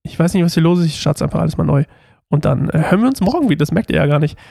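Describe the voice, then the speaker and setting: Chatty male Bible-podcast host, self-correcting, gravelly edge to his voice. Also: on the high side, expressive, racing, warm tone, dry recording, clean studio sound. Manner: chatty and self-correcting, sprinkling English phrases. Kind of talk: casual Bible-study podcast.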